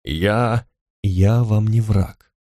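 A man's voice: mid-range voice, animated, a little mellow, no echo, clean studio sound, close to an everyday voice. A man voicing a reserved young man who speaks curtly and coldly, in a storybook reading. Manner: curt, cold, measured. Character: cold, reserved young man seeking answers.

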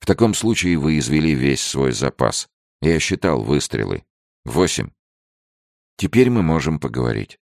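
A man with a very deep voice voicing a wry, self-assured adventurous gentleman who speaks half-joking and coolly polite in a story reading. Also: sing-song, normal speed, vocal fry, no echo, clean studio sound, heavily acted.

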